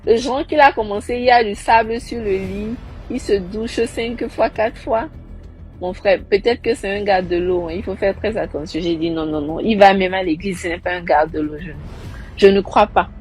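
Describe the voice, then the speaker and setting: Young woman telling a story with animated quoted voices. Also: medium pitch, moderate pace, faint music behind. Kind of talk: personal story told casually.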